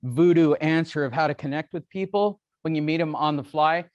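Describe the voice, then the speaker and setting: Brash male coach: high voice, dry close sound, jokes and swears while teaching a live room. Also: fairly quick, dry recording, muffled recording. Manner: brash, joking and profane. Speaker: real estate coach teaching a seminar.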